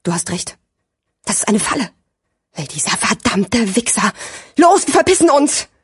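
A woman's voice: mid-range voice, normal speed, fairly bright tone, husky, dry recording, clean studio sound. A woman voicing a hot-headed fourteen-year-old boy gangster in an audiobook, snapping and bossy. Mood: panicked. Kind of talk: audiobook character voice.

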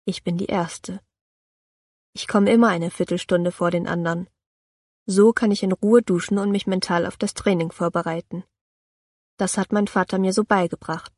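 A woman narrating an audiobook in the first person, with calm, even storytelling. Her voice sits in a medium register. The recording is dry and close, with no room sound. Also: mid-range voice, husky, dry recording.

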